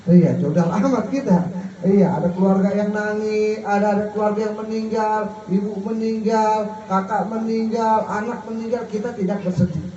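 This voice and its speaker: A man's voice: fairly even intonation, normal speed. Man preaching in an echoey hall. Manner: leaves words unfinished for the crowd to complete; rises high and soft on questions. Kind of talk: sermon. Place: large room at a gathering. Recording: dull, echoey, from a far mic, faint hiss.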